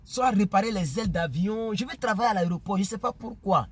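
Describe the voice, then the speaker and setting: A man casually vlogging to his subscribers, animated and preachy, often repeating words while he searches for them. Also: sits high, brisk, slightly rough. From Ivory Coast. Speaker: YouTuber.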